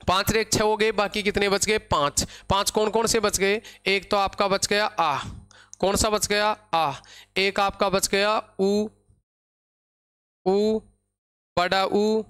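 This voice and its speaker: A male grammar teacher with a high, smooth, resonant voice. He teaches an online class in a patient, repetitive way. He keeps asking the students questions and answering them himself, and he drags out key terms word by word as if dictating notes. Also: fairly bright tone. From India. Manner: slow, dictating pace when spelling out terms.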